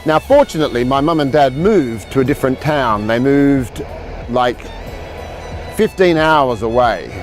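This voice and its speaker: Casting note: Australian man, middle pitch, rambling storyteller, faint music underneath. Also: expressive, unhurried. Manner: rambling, repeats words, many fillers. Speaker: speaker telling his life story. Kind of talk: personal storytelling talk.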